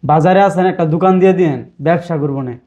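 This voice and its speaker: Man acting as a greedy son-in-law, mocking and insolent, fairly high voice, dull lo-fi sound. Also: quick pace, mellow, close to an everyday voice. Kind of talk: web drama acting.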